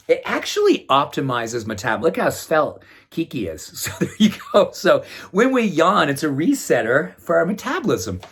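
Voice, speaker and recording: A man's voice: fairly high pitch, slightly rough. A middle-aged man, a wellness doctor, talking casually to the camera in his own video, enthusiastic and chatting to his pet pug between points.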